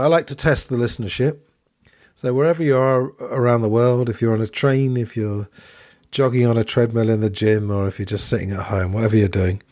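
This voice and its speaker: A man's voice: mid-range voice, darkish tone, no room sound, clean studio sound. A man hosting a podcast, chatting to listeners and reading passages aloud from a book. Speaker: podcast host.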